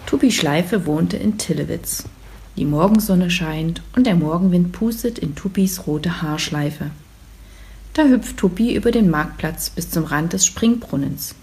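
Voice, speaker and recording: A woman addressing her listeners and reading a children's story aloud in a calm, lively way. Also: lowish voice, a little slow.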